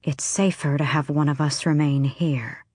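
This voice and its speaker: A woman reading an audiobook, voicing a cold, grave young woman guard in a cool, steady tone. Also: low voice, normal speed, dry recording.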